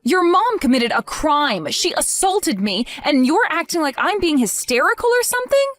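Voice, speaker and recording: A heartbroken young wife, voiced by a woman, pleads in a high, lively voice in a voice-acted text-message drama. Her pitch swings widely as her hurt builds. Faint music plays underneath. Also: moderate pace. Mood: hurt, pleading. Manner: emotional, pleading, voice rising and falling.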